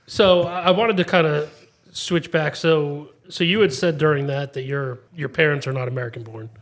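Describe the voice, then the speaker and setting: A man hosting a podcast, asking relaxed, curious questions in casual conversation. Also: fairly high pitch. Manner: relaxed, curious, quick to laugh. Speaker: podcast host. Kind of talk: casual interview chat.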